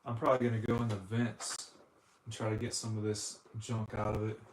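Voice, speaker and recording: A man's voice: lowish voice, monotone, brisk, roomy sound, slight background noise. A man from the United States in a casual live-stream chat, rambling and joking, often saying "dude" while he cleans consoles. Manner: rambling, jokey, says "dude" a lot.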